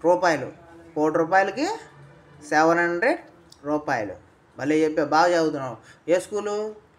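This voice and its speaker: A man's voice: fairly high pitch, lively intonation, moderate pace. A man quizzing a young boy in a casual way, coaxing him along and repeating his answers back, then dictating lines phrase by phrase for the boy to repeat.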